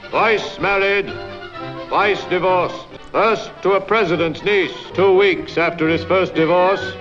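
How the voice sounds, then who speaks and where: An actor playing a grandly authoritative 1940s newsreel announcer, with a booming, declamatory delivery on an old newsreel soundtrack. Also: male voice, slow. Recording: muffled old film sound with music score.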